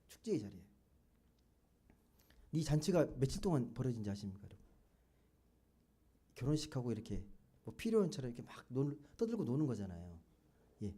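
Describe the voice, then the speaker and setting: A man's voice: a little high, mellow, breathy edge. A male pastor giving a sermon, speaking conversationally and asking the congregation many questions. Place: church sanctuary.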